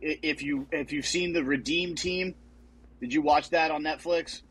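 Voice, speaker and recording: A man's voice: on the high side, fairly even intonation, normal speed, fairly bright tone, husky, low-quality recording. A young man co-hosting a casual sports podcast, joking and chatty. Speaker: podcast co-host.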